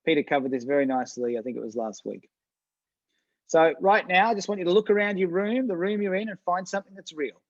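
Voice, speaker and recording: A man's voice: high voice, quick pace, no room sound, highs cut off. A man coaching a business workshop in a casual, chatty way, often restarting sentences and checking in with his listeners. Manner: casual, chatty, repeats words, restarts sentences, addresses audience directly. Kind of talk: online workshop presentation.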